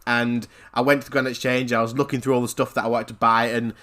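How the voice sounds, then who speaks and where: A man, a gaming channel host, telling a story-time vlog in an animated, rambling way with repeated phrases. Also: medium pitch, fast talker.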